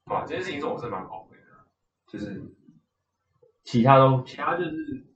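A man's voice: medium pitch, animated, fairly quick, a bit bright, reverberant, dull audio. A young man, a guest on a casual podcast, telling a personal story in a rambling way, full of restarts. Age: young adult.

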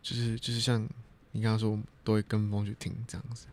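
A man's voice: lowish voice, monotone, fast, darkish tone. A young man hosting a podcast in casual chat, easygoing and a bit tired. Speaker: podcast host.

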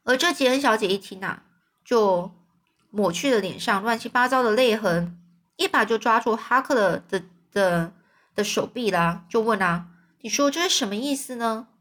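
A woman narrating a children's story in a lively, animated way. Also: medium pitch, moderate pace. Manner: lively, with frequent fillers and restarts.

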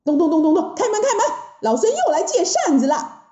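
A woman voicing a boastful, playful male monkey king in a told story, loud and teasing. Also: extremely high pitch, big pitch swings, fairly quick, reverberant, dull audio, voice pushed up. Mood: cocky teasing.

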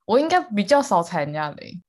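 A woman co-hosting a casual chat podcast, animated and quick to repeat words for emphasis, laughing often. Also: mid-range voice. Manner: calls herself quick to anger. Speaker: podcast co-host.

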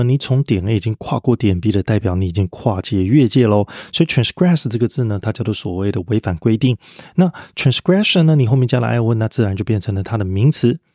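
A man's voice: medium pitch, darkish tone, dry recording, clean studio sound. A man teaching English vocabulary in a podcast lesson, explaining word roots step by step and spelling words out letter by letter.

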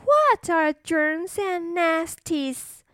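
A woman's voice: animated, drawn-out words, fairly bright tone, no room sound, full character voice. A woman voicing a curious little girl princess who keeps asking why. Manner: high, questioning, childlike.

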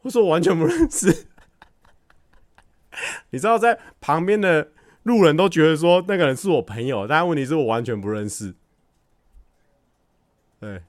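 Animated, laughing man chatting on a livestream. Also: a little high, normal speed, pauses often, no room sound, studio quality. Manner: animated storytelling, acts out scenes, laughs often. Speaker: livestream host. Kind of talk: casual chat with viewers.

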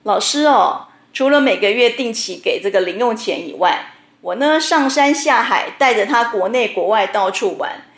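Chatty Taiwanese woman, gravelly and roomy. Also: on the high side, animated, moderate pace. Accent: Taiwanese Mandarin. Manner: chatty, with frequent 哦 and 吼 particles. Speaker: hypnotherapist host. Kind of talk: casual storytelling talk. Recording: roomy echo.

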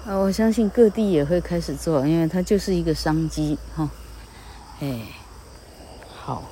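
Low, mellow older Taiwanese woman teacher. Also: a little hiss or hum. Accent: Taiwanese Mandarin. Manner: chatty, ends phrases with a drawn-out "ha", spells words letter by letter. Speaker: English grammar teacher. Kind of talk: casual spoken lesson.

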